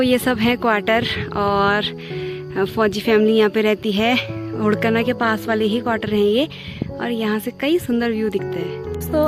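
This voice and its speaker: A woman from the Kumaon hills, chatting with viewers as she walks village paths. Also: fairly high pitch. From Kumaon, Uttarakhand hills. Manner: chatty, addresses viewers as friends. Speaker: village vlogger. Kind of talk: casual walking vlog narration. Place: outdoors on hill paths and village roads.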